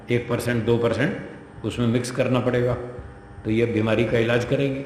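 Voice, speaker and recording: A man's voice: mid-range voice, a little mellow. A man gives a scripture lecture as a spiritual teacher, talking it through conversationally and acting out the dialogue. His voice rings around a large hall, with a long reverb tail. Faint background noise sits underneath. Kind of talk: lecture explaining a scripture to students.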